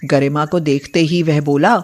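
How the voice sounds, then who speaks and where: A woman's voice: sits low, fairly even intonation, normal speed, darkish tone. A woman narrator reading a scripted moral story.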